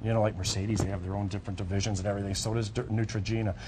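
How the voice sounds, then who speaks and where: A middle-aged man giving a home shopping host's sales pitch, chatty and repetitive, urging listeners directly. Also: level tone, very fast, dark tone, a little hiss or hum.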